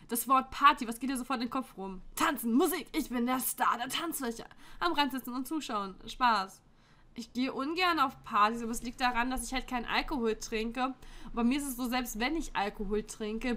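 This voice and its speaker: A woman's voice: fairly high pitch, a bit bright. Chatty young woman, blunt and slangy. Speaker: YouTuber. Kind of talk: casual chat reacting to an online quiz. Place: home room with window open. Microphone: desk microphone.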